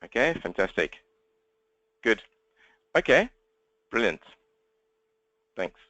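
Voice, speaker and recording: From his home desk, a man with a South African accent talks quickly to his laptop in a live webinar training, upbeat and direct. His voice is lowish with big pitch swings and a sharp tone, recorded dry.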